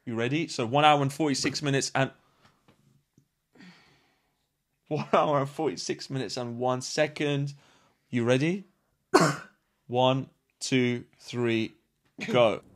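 A man's voice: mid-range voice, slow, long pauses. A man, hosting a movie reaction, exclaiming and laughing often. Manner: excitable, exclaims a lot. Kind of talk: casual reaction chat.

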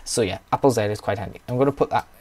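A man's voice: mid-range voice, rapid-fire, a little mellow. A young man with a northeast English accent narrates a casual computer tutorial. He rambles, stops for chatty asides and pokes fun at himself. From northeast England. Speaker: tutorial maker. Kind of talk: casual screen-recorded tutorial.

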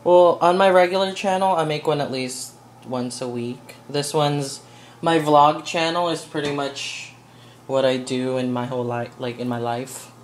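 Slow, low-voiced young woman vlogging. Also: fairly even intonation, a little hiss or hum. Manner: chatty, rambling, giggly. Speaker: cooking vlogger. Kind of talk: casual cooking vlog. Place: home kitchen.

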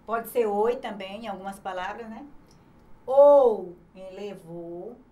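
A woman's voice: mid-range voice, dark tone, a little hiss or hum. A woman with a Brazilian accent teaching an online grammar lesson to children, sounding words out syllable by syllable and asking questions she answers herself. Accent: Brazilian Portuguese. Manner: slow, patient, spelling words out syllable by syllable; asks the class questions and answers them herself. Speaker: primary school teacher.

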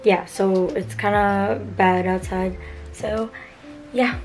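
Young woman, hoarse worn-out voice, casual vlog chat, small bedroom, camera close by, music behind. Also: medium pitch, fairly even intonation, slow pace, darkish tone. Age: young adult. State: voice partly gone after a party. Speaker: vlogger. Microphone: camera at arm's length.

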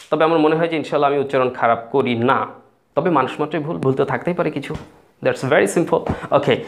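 Man teaching spoken English. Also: fairly high pitch. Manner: talks straight to viewers, spells and repeats phrases slowly. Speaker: English tutor. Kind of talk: casual spoken-English lesson. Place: indoors at a writing board.

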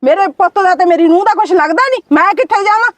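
A woman plays a sharp-tongued village mother who scolds and accuses nonstop in a very high voice. Her lines sound close and dry. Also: animated, fast, no room sound. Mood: scolding. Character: sharp-tongued middle-aged mother demanding land for her son. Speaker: actor in a family skit. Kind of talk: home-made family drama skit.

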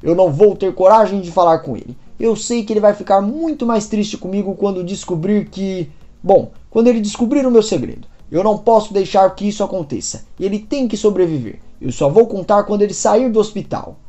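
A woman's voice: medium pitch, expressive, brisk, dark tone, close to an everyday voice. A woman reading the lines of a troubled young man hiding a secret, in an urgent inner monologue.

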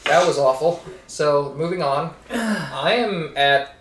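Brief: male co-host, unhurried rambling delivery with frequent laughs, recorded a bit far off in a roomy space. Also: a little high, background noise. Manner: rambling, laughs often, restarts mid-sentence. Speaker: co-host of a whiskey review channel. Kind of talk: casual whiskey tasting chat. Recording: echoey room, mic at a distance.

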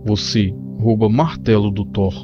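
A man's voice: on the low side, fairly even intonation, a little slow, natural voice. A man voicing a raging monstrous male thunder god who talks of himself in the third person in broken, growling speech. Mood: menacing. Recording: muffled lo-fi with faint music.

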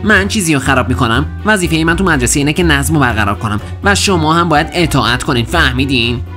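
A woman's voice: low-pitched, lively intonation, fairly bright tone, soft background music. A woman voicing a stern, bossy teenage boy hall monitor in a dubbed kids' video drama, speaking in a commanding, strict way.

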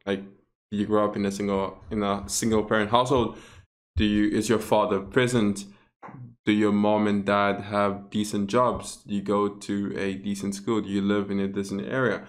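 A man's voice: on the low side, little pitch movement, moderate pace. A man hosting his own vlog, giving casual, sarcastic opinion commentary straight to his viewers. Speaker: vlog host.

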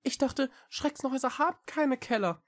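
A man voicing a small, curious male cat creature in a storybook reading, with a high, quick, eager voice. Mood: puzzled.

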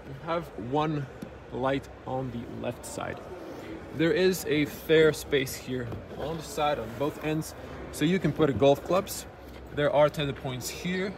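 A man reviewing a car as he walks around it, speaking in a middle-pitched voice and plainly pointing out features one by one. He is recorded on a handheld camera in an indoor show hall, with plenty of background noise from the show floor. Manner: plain, matter-of-fact pointing out of details. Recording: noisy auto show floor.

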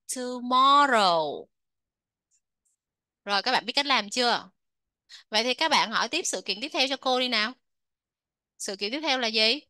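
A woman English teacher explaining a textbook lesson, asking her students questions and drilling pronunciation slowly. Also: fairly high pitch, bright, forceful tone, dry recording.

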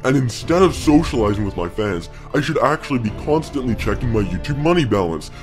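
A man voicing a customer who gives a mock-sincere review in a disguised deep voice. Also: very animated, brisk, soft background music. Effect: voice disguise lowering the pitch. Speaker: customer giving a testimonial. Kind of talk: comedy sketch review.

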